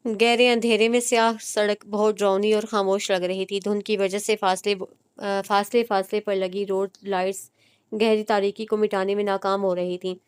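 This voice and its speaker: A woman narrating a romance novel with a steady, measured reading. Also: medium pitch, clean tone.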